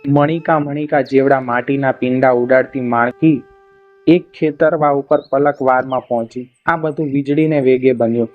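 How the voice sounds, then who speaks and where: A man narrates a folk tale in a steady, dramatic storyteller's manner, at a mid pitch. The recording sounds dull and lo-fi, with faint music behind his voice. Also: normal speed. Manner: steady dramatic storytelling, voicing cries of the characters. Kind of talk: reading a Gujarati folk tale aloud.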